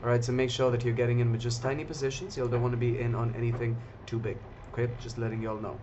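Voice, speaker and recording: A man's voice: medium pitch, level tone, quick pace, noisy background. A man hosting a live stream and commenting on markets in a casual, chatty way, talking straight to his viewers. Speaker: trading stream host. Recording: slightly dull lo-fi audio.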